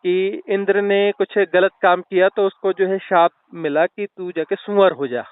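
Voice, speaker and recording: Male spiritual guest, high smooth voice, slow explaining, phone-line sound. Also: steady tone. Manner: slow, explanatory, with restarts and fillers. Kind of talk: spiritual talk with storytelling.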